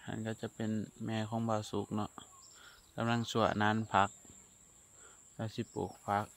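A young man with an Isan accent, chatting to viewers as he walks through rice fields, with wind rushing over the mic. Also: fairly low pitch, completely flat delivery, vocal fry, fairly bright tone. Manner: chatty, addresses viewers as brothers and sisters. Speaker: vlogger. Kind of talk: casual walking vlog. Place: outdoors in windy rice fields. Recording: wind noise on outdoor mic. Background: wind, crickets and insects.

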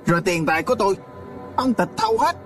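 Man doing a whiny accusing son, high and swooping voice, faint music. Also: expressive, fast talker, fairly bright tone. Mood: aggrieved. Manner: complaining, high-pitched, accusatory. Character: aggrieved son seeking revenge, high and wailing.

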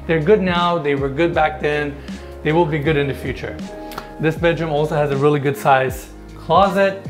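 A slightly high-voiced man in his thirties narrates a casual tour of a spacious house basement at a moderate pace, with faint music in the background. Enthusiastic and talkative, he speaks right to the viewers on a lapel mic indoors.

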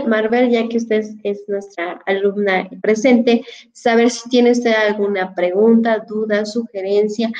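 A woman's voice: fairly high pitch, darkish tone, lo-fi sound. A woman, an English teacher explaining a dictionary app to her students in an online class, patient and full of fillers, speaking into a headset. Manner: explanatory, addresses students formally, many fillers.

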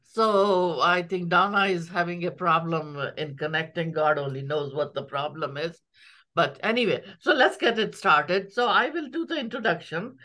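Halting woman moderating a webinar. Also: fairly low pitch, bright, forceful tone. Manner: halting, many restarts. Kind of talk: moderating a video call.

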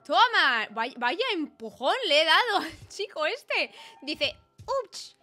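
A woman's voice: high voice, very animated, slow pace, bright, forceful tone, soft background music. A woman with a Peninsular Spanish accent hosts a casual let's-play video, chatting and exclaiming as she reads out the game's choices. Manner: chatty and exclamatory, reading game choices aloud. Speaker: gaming video host.

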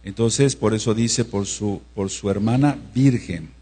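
Husky-voiced man preaching in a hall. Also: lowish voice, mellow. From Mexico. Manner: instructive, checks in with the congregation; spells out words slowly. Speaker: pastor. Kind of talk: teaching sermon. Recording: reverberant hall with mains hum.

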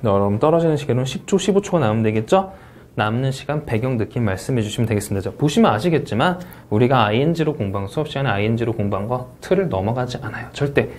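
Korean guy going over speaking test answers, upbeat, keeps repeating the main points, average pitch. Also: fast, a little hiss or hum. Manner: energetic, repeats key points, says "자" often. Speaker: English speaking test instructor. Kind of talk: exam review lecture.

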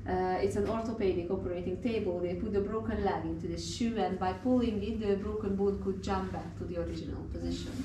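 A woman tour guide explains things as she leads a tour through the tiled rooms of an underground bunker museum. Her medium-pitched, dark-toned voice runs fast with few pauses. Caught on a visitor's handheld camera some distance away, the sound is distant, roomy, echoing and noisy.

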